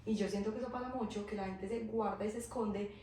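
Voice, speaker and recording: A woman podcast host, chatting casually, telling personal stories and quickly agreeing with her guest. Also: mid-range voice, fairly even intonation, warm tone. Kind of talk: casual chat. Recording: roomy echo, mic at a distance, faint hiss.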